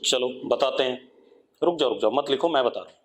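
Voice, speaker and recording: With lively intonation and a fairly bright, medium-pitched voice, an Indian-accented man teaches physics live online. He keeps questioning his students to coax them and waits for their answers, and he dictates definitions in English slowly, word after word.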